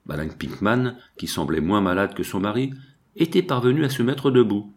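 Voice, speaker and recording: A man narrating a classic novel in a measured audiobook manner. His voice sits on the low side. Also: animated.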